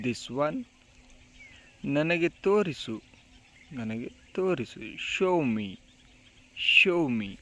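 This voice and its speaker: A man teaching English phrases in a slow, deliberate drill, saying each phrase twice. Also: mid-range voice, lo-fi sound, slight background noise. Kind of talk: slow, repeated vocabulary drill.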